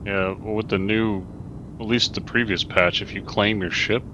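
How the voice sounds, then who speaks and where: Low-voiced man explaining, dull lo-fi sound. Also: fairly even intonation, moderate pace, noisy background. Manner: explanatory, matter-of-fact. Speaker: gaming friend. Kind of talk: casual gaming chat.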